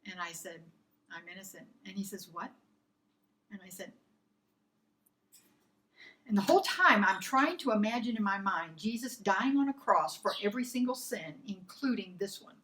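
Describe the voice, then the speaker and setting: A woman's voice: mid-range voice, normal speed, poor audio. A woman telling a personal faith testimony in a casual way, stammering and acting out the voices of her story. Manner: animated, acts out quoted dialogue, stammers and repeats herself.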